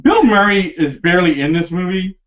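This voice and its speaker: A man with a somewhat raised pitch chats loosely about a film on a podcast. He rambles through fillers and restarts, and the recording sounds muffled and lo-fi. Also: animated, a little fast, fairly bright tone. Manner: rambling, many fillers and restarts, laughs often. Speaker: podcast host. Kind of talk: casual film discussion.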